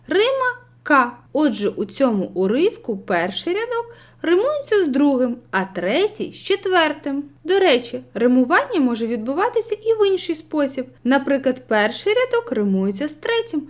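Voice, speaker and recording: Woman reading a school textbook aloud, high and very lively, clear and deliberate. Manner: clear, deliberate reading with slowed, sing-song verse quotes. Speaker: textbook reader.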